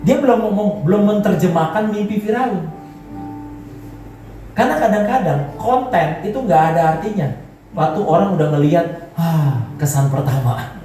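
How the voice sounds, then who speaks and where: In a big church hall, a warm, high-voiced pastor preaches at a moderate pace with lively intonation. His sermon is playful and conversational, and he guides the congregation through gestures. The audio echoes, he sounds far from the mic, and music plays faintly.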